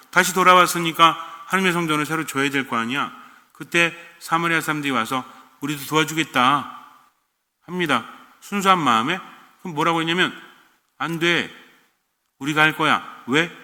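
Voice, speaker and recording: A male priest preaching a homily in a bright, forceful voice. He talks with his listeners more than at them, firing off questions and slipping into blunt everyday speech. The sound carries a long echo, as if in a large church. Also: fairly high pitch. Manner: conversational, asks the congregation questions; switches to blunt casual speech for emphasis.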